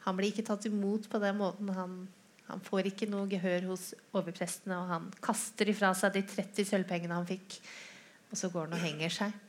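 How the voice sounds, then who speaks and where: A woman's voice: medium pitch, flat delivery. A woman preacher retelling a scripture story in a sermon, with asides to the listeners and quoted lines acted out in a raised voice.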